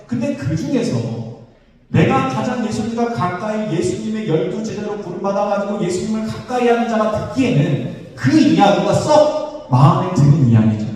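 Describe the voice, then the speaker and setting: A man preaching a Sunday sermon as pastor, with a sung cadence and lively acted voices for the crowd. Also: high voice, normal speed, distant mic. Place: church sanctuary. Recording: echoey church hall miked from afar.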